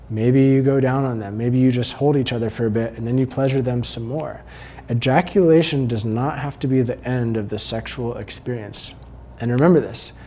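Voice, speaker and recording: Calm, earnest man teaching slowly. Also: medium pitch. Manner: calm, earnest, slows and softens for emphasis. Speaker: sex educator. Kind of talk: instructional talk.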